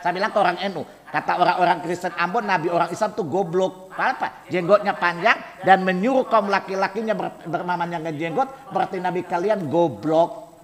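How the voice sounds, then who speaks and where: High-voiced guy preaching in a mosque, slang, keeps throwing questions at the crowd, echoey hall. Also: fairly quick. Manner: rhetorical, provoking the audience with repeated questions. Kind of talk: mosque sermon. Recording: long hall reverb in a mosque.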